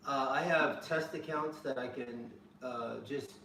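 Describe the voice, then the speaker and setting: A man's voice: mid-range voice, unhurried, pushed and bright. Laid-back man, set back from the mic. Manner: laid-back, offers practical tips. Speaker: co-host, host's husband. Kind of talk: casual live-stream chat. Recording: echoey room, far from mic, faint noise.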